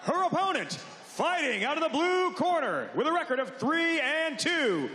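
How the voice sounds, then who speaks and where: A man announcing a fight to an arena crowd, calling out names in drawn-out booming calls. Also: big pitch swings, bright, forceful tone, slight background noise. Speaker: ring announcer. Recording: echoey arena with long reverb.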